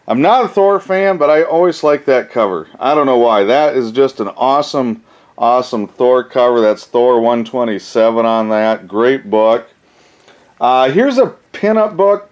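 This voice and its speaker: A middle-aged man with a mid-range, darkish voice casually shows off his flea market finds in a show-and-tell vlog. A collector and seller, he talks in a folksy, rambling, informal way.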